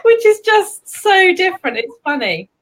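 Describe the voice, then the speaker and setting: A chatty English woman hosts a relaxed live-stream conversation, laughing often as she talks. Her voice sits high and swoops lively up and down. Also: unhurried. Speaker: host. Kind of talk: casual live-stream chat.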